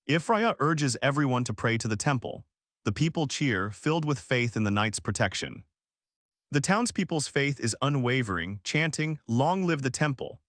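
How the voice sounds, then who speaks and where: A man reads a comic recap as scripted narration, his pitch rising and falling in an animated way. The voice is close and dry, with almost no room sound. He voices the quoted lines in the same plain narrating voice. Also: no echo.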